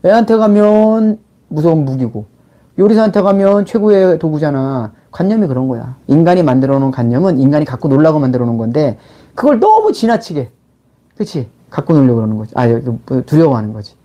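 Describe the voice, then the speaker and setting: Middle-aged man, rapid speech, dark mellow voice, casual blunt lecturing, rhetorical questions. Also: fairly high pitch, big pitch swings, lo-fi sound. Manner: acts out little quoted exchanges mid-talk. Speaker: channel host, life and money mentor.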